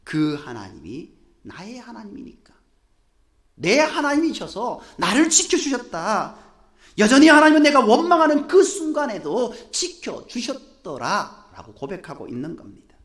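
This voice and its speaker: A male pastor preaching a Sunday sermon with emphasis, sometimes falling to a hush, often putting questions to the congregation. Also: extremely high pitch, big pitch swings, normal speed. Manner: asks the congregation rhetorical questions. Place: church sanctuary. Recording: echoey church sanctuary.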